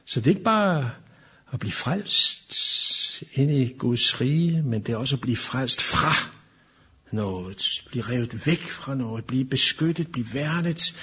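A man's voice: mid-range voice, lively intonation, pushed and bright, husky. A man preaching a sermon in an impassioned way, building toward fervent proclamation.

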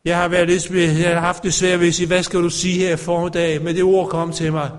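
A man's voice: high-pitched, level tone, big-room sound. A man preaching a sermon to a congregation, fervent and calling out. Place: church.

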